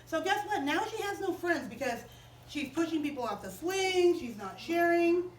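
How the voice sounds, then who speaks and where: A woman tells a story to children in a chapel. She is animated and keeps asking the children questions, in a high voice. The mic sits far from her in an echoey room with faint ambience. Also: moderate pace, slight background noise.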